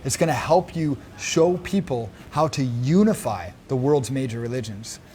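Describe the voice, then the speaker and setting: Man quoting a calm, wise plant spirit. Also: medium pitch, normal speed, slight background noise, lightly acted. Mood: solemn.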